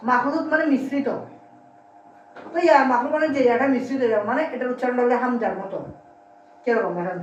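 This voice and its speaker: Fast-talking male teacher drilling students. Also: extremely high pitch, slight background noise. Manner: drills students with call-and-response questions; brisk, scolding at times. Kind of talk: classroom grammar lesson. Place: classroom with students. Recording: roomy, distant, dull lo-fi classroom recording.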